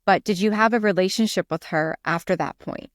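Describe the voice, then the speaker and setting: A woman's voice: medium pitch, brisk, no echo, studio quality. A woman podcast host interviewing a guest, brief and encouraging.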